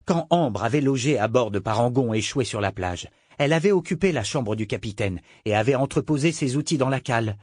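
A man giving steady, scripted narration of a fantasy audiobook. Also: mid-range voice, fairly quick, hardly any pauses, dry recording, studio quality.

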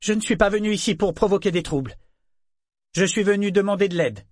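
A man's voice: high-pitched, brisk, no echo, clean studio sound, voice pushed up. A man voicing a young merchant woman who speaks out, raised and urgent. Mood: firm.

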